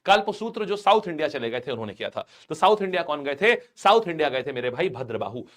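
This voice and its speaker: A man lectures an online exam-prep class with a slightly high-pitched voice. He turns history into playful stories and acts out quotes along the way. He speaks warmly to his students, calling them "brother" and "child". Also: big pitch swings, fast. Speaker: teacher.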